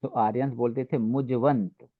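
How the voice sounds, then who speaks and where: Hindi teacher lecturing over a tinny line. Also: male voice, medium pitch, fairly even intonation, a little slow, dry recording. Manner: repeats "ठीक है" constantly, asks and answers own questions. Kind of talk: exam-prep lecture in Hindi with English terms. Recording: dry, phone-like narrow sound.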